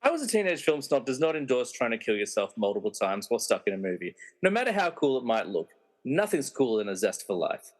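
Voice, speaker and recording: A man narrates a comic podcast radio play and hosts its quiz with a tongue-in-cheek manner, mixing scripted comic narration with casual banter. His medium-pitched voice is sing-song and quick.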